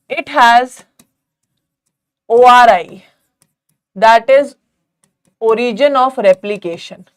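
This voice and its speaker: A young woman runs a live online biology lesson, slipping English terms into her Hindi. Her voice sits a little high and comes through smooth and clear. She talks slowly and keeps checking whether the class is following. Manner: calls students "beta", quizzes them, asks if it's clear.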